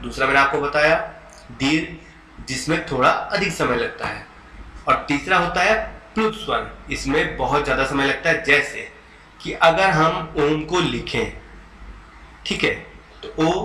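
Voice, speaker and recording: A man's voice: fairly high pitch, pushed and bright. A man teaching Hindi grammar in an exam-prep lecture, explaining patiently, repeating key terms and sounding out vowels for students. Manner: explains slowly, repeats terms and checks with "ठीक है". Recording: echoey room with faint background noise.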